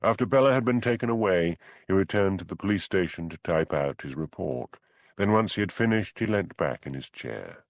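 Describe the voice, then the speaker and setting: Male audiobook reader, low and lively, close dry studio sound. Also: normal speed, creaky, dry recording. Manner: expressive, dramatic. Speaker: audiobook narrator. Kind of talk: scripted narration.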